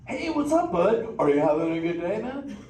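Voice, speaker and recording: In a noisy, echoey theater recording made from a distance, a man plays a mellow-voiced surfer sea turtle for a live interactive show. His pitch is high and his delivery very animated at a moderate pace, as the easygoing male turtle drawls slang and pokes fun at the audience.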